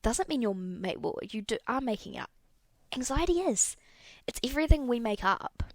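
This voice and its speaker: A woman's voice: a little high, big pitch swings, normal speed, dry recording. A young woman hosting a solo podcast, talking candidly and rambling a little, correcting herself as she goes. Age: young adult. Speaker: podcast host. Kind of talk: casual solo podcast talk.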